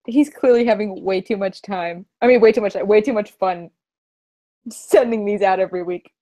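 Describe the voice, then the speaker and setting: A woman's voice: mid-range voice, moderate pace, dark tone. A woman co-hosting a casual podcast, enthusiastic and giggly, often acting out quotes. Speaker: podcast co-host. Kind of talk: casual rewatch chat.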